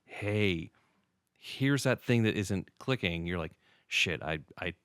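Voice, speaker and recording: Deep-voiced podcast co-host, dry close sound. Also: male voice, takes it slowly, clean tone, no room sound. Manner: relaxed, rambling, laughs often. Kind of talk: casual chat.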